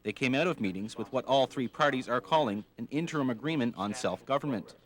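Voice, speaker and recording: A man's voice: mid-range voice, lively intonation, quick pace. A man reading a scripted television news report as a reporter.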